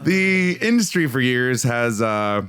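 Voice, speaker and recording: A young man from Canada hosting a casual podcast chat, playful and animated, with exaggerated disgust. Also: medium pitch, slow. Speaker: podcast host.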